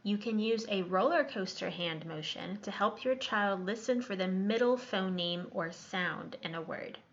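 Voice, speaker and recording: A woman reading scripted voice-over narration in a clear, instructive tone. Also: mid-range voice, a little slow, a bit bright. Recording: slightly dull lo-fi recording.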